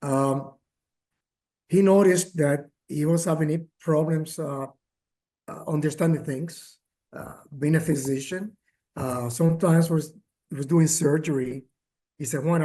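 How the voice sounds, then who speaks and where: A man speaking as a caregiver at a workshop, telling his story with many pauses, fillers and restarts, and growing emotional at times. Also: fairly high pitch, warm tone. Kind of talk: personal testimony, remote talk.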